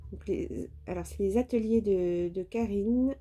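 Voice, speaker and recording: A woman's voice: medium pitch, unhurried, dark tone. A woman from France chatting casually through a craft haul, hesitant and stumbling over her words with many fillers. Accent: French. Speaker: craft vlogger. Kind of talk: casual show-and-tell haul.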